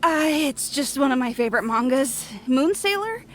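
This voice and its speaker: A woman voicing an excitable, nerdy teenage schoolgirl in a comedy cartoon. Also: high voice, moderate pace, a little hiss or hum. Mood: sheepish. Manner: eager and dramatic. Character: excitable nerdy teen girl fangirl.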